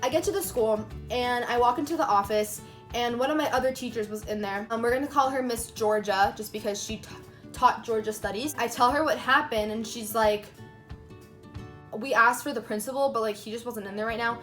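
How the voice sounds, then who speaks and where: A woman's voice: a little high, brisk, fairly bright tone, soft background music. Chatty young woman telling a story. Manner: chatty, filler-heavy retelling with many "like"s. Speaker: YouTuber telling a personal story. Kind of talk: casual storytime vlog. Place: room at home lit by fading daylight.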